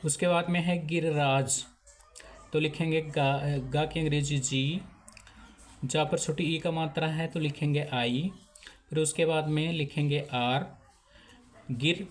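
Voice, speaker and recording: Male teacher, slightly high voice, slow repetitive step-by-step delivery. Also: fairly even intonation. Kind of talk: handwriting lesson.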